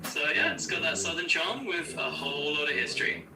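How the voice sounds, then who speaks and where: A man's voice serving as an AI co-host, answering questions in a smooth, upbeat, explanatory way with casual slang. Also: on the high side, wildly swooping pitch, a little fast, far from the mic, over music, poor audio. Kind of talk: conversational Q&A co-hosting.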